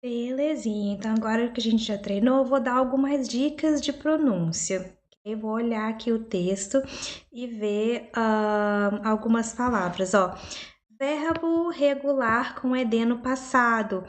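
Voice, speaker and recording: A young woman whose first language is Portuguese teaches English pronunciation at an unhurried pace. She breaks each word into its sounds and says it again and again, slowly. Her voice sits a little high. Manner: explains step by step, repeats words slowly. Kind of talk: pronunciation lesson.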